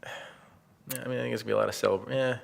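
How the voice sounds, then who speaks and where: A young man co-hosting a sports podcast with short, wry remarks and quick agreement. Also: mid-range voice, steady tone, vocal fry. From Philadelphia. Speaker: podcast co-host. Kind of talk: casual chat.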